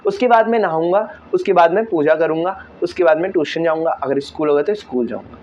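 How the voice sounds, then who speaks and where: A man's voice: fairly high pitch, fast, a little mellow, lo-fi sound, slight background noise. A teenage boy answering viewer questions in a casual, earnest way, often checking in with "okay". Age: teens. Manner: earnest, repeats "theek hai" often. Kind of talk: casual Q&A talk.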